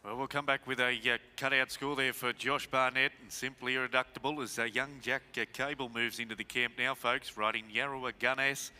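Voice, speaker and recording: Aussie guy co-commentating live sport, really sharp bright voice, lots of halting uhs. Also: mid-range voice, level tone, smooth. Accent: Australian.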